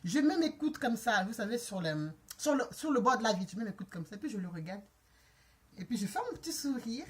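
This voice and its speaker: A woman telling her viewers a story, vlog-style. Her voice sits on the high side and leaps up and down with expression. She laughs often and speaks straight to her audience. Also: very animated, fairly quick. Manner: addresses viewers directly. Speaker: vlogger.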